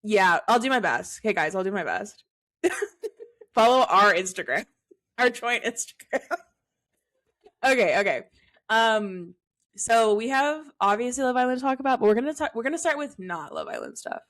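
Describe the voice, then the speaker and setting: A woman's voice: a little high, very animated, normal speed, pauses often, a bit bright. A young woman co-hosting a casual podcast, rambling and laughing often as she talks. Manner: giggly, rambling fan talk. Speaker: podcast co-host. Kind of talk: casual chat.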